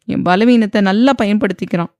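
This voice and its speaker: A woman's voice: mid-range voice, fairly quick, dark tone, no echo, studio quality, lightly acted. A woman voicing a defiant, tearful young bride in an audio novel, speaking sharply.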